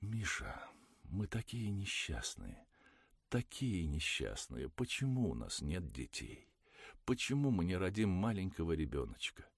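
A tired young woman near tears, pleading softly in a husky low tone over a dry close mic, as a male audiobook reader puts her on. she sounds worn out and pleading rather than angry. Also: very animated, a little slow, no room sound, full character voice. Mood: plaintive. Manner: pleading, plaintive, quiet. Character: weary tearful young woman, tired of quarrels.

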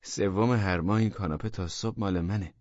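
A man voicing a thin, meek man who speaks softly and hesitantly, in a storybook reading. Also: sits low, steady tone, no room sound, highs cut off, natural voice. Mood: apologetic. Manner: soft, hesitant.

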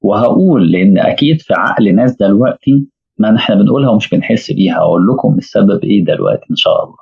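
A man's voice: fairly low pitch, expressive, racing, gravelly, husky. A man with an Egyptian Arabic accent giving a religious lesson, telling stories and posing rhetorical questions. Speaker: preacher. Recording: tinny phone-like audio.

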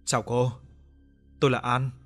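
A man voicing a young male ghost with a low, muffled voice in an audio story. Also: little pitch movement, moderate pace, faint music behind, lightly acted. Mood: pleading.

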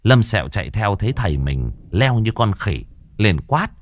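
A man's voice: fairly low pitch, sing-song, normal speed, dry recording. A man narrating a horror story vividly.

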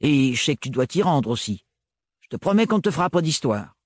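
A man's voice: mid-range voice, very animated, a little fast, no echo, voice pushed up. Male reader doing a grating-voiced woman mechanic, curt, insistent, tomboyish, dry close sound.

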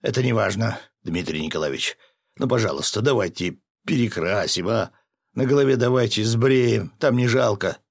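A man voicing a stubborn, loud male fisherman in an audiobook, whining and shouting his protests. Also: lowish voice, moderate pace, gravelly, dry recording, clean studio sound. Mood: pleading. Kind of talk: audiobook character voice.

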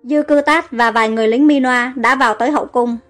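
High-voiced woman narrating a story. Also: fairly even intonation, fast, soft background music. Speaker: story reader. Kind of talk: audiobook narration.

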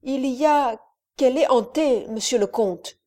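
A woman's voice: high voice, measured pace, warm tone, pitched above the performer's own voice. A woman reading an audiobook, voicing an elderly male castle steward who speaks hesitantly and apologetically. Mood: fearful, deferential.

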